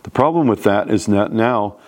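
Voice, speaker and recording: Delivering a sermon in a plain, conversational manner, this New York City pastor has a fairly low voice, a normal speed, and a New York accent.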